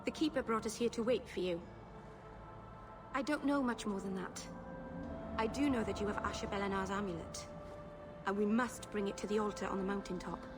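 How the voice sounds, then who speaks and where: A woman's voice: medium pitch, fairly quick, long pauses, over music, close to an everyday voice. An actress playing a shy, earnest young elf woman, a mage who speaks hesitantly and apologetically in video game dialogue. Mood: solemn, earnest.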